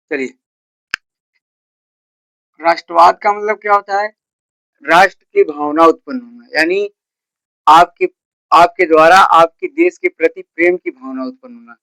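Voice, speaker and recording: A man teaching a school history class. He asks his students questions and answers them himself, and he repeats the key terms slowly. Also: high voice, steady tone, vocal fry, sharp tone, no echo, poor audio. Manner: repeats key terms slowly, with a filler word after each point. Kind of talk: classroom lecture.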